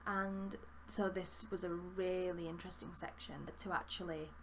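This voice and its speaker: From a desk in a small indoor room full of bookshelves, a young woman with a Yorkshire accent chats excitedly about a book for her casual review vlog, dropping in lots of fillers. Her voice is lowish with little pitch movement, her pace normal, and there's slight hiss or hum.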